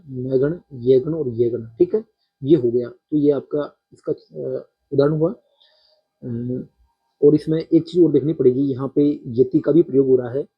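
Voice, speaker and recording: Man, teacher, husky voice, counts syllables aloud, dull lo-fi audio. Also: medium pitch. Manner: counting syllables aloud slowly, addressing students directly. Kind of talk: Hindi poetry-meter lesson.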